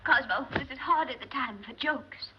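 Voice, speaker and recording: Actress as high-pitched scolding wife, screwball banter. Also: female voice, moderate pace, close to an everyday voice. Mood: indignant. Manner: scolding, plaintive, theatrical. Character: indignant, nagging middle-aged wife of a banker. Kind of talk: old Hollywood screwball comedy banter. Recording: dull, noisy old film soundtrack.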